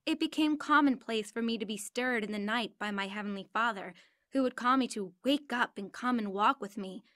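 Woman narrating, higher voice, dry sound. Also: fairly quick, no echo. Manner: earnest, steady storytelling. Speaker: audiobook narrator. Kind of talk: first-person audiobook narration.

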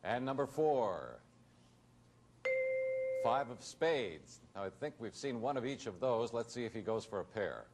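A middle-aged American man works as a game show host in a television studio. He announces each move with suspense at a medium pitch. The vintage recording is very noisy. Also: sing-song, measured pace.

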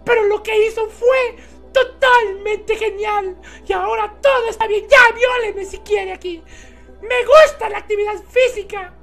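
A man's voice: extremely high pitch, fairly even intonation, unhurried, creaky, a bit bright, soft background music, voice pushed up, exaggerated voice. A man voicing a bubbly, naive young girl in a giddy, sing-song squeal.

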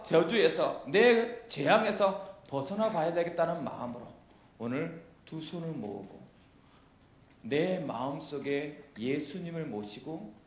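A middle-aged man preaching a youth sermon into a handheld mic in a church hall, animated and quizzing his listeners with questions. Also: fairly high pitch. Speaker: pastor. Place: church hall with chalkboard, indoors.

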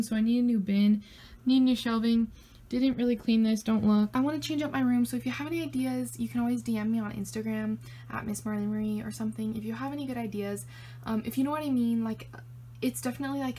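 A woman's voice: fairly high pitch, a bit bright. Chatty teenage girl vlogging from her bedroom. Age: teens. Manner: chatty, rambling, lots of "like" and "I don't know". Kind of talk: casual vlog chat. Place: bedroom, indoors. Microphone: phone camera at arm's length.

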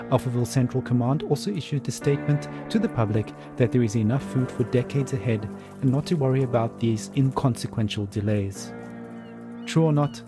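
An actor playing a male pirate radio DJ with a South African accent, reading the news in a polished announcer's manner over clear game music. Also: mid-range voice, close to an everyday voice. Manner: announcer's polished read, rhyming sign-off. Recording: game audio with music underneath. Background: game soundtrack music.

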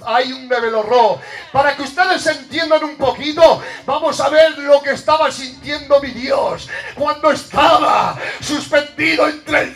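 A man preaching a fervent evangelical sermon at a church service, often shouting with passion. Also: extremely high pitch, gravelly. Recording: distant mic with music behind.

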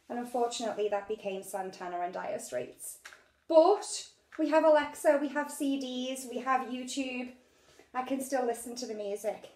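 Working with her hands at a dining table indoors, a middle-aged British woman calmly talks through a craft demonstration. Her voice is on the high side and a little mellow, recorded in an echoey room at home.

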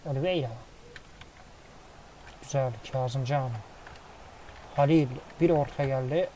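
Excitable man calling a football game. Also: medium pitch, slow pace, slight background noise, rough recording. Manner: excitable play-by-play, swears casually. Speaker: gaming commentator. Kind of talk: casual football game commentary.

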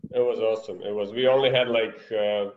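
Speaking a little fast with a lowish, fairly even voice, a Serbian-accented basketball coach in his thirties chats as a guest on a video call. The call sounds muffled and echoey with background noise, and he's in a bright indoor room by a window, giving a conversational online presentation.

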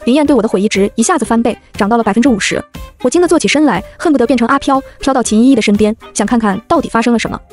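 Rapid woman narrating a web novel. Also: a little high, darkish tone. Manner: brisk, fast first-person telling. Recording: background music.

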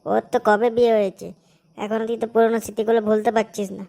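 Cartoon: woman playing a nagging young male friend; fairly high, gravelly, insistent. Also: flat delivery, racing, warm tone. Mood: urging. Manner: insistent, hurrying, bossy. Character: pushy young village guy, nagging friend. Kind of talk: animated cartoon voice acting.

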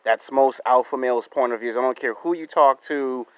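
American male vlogger, thirties, mid-pitched, deliberate emphatic phrasing, dry lo-fi phone sound. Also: clean tone, no echo. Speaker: YouTube vlogger. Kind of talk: monologue to camera for subscribers. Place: outdoors in a residential yard. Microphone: phone held close to the face. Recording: dull, lo-fi phone audio.

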